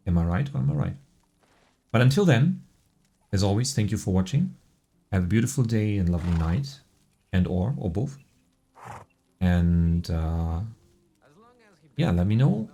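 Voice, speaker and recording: Man, gameplay host, low pitch, mellow tone, wry joking narration. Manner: wry, joking, relaxed delivery. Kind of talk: playful storytelling narration and casual gameplay commentary.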